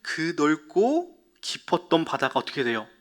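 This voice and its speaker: A man giving a children's sermon as a Sunday school preacher, telling a story, asking the children questions and answering them himself, and dropping to a hushed whisper at dramatic moments. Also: on the high side, huge pitch swings, moderate pace.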